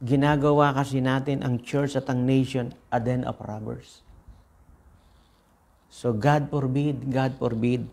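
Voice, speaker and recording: A man's voice: mid-range voice, fairly even intonation, slow pace, gravelly, a little mellow. A man with a Filipino accent preaching a sermon, repeating phrases and asking the congregation rhetorical questions. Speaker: pastor.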